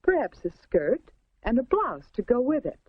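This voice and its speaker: 1950s-style woman narrator, American, lively intonation. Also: a little high, normal speed, slightly rough, no room sound. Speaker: educational film narrator. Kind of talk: 1950s instructional film narration, scripted. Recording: muffled vintage 1940s film soundtrack.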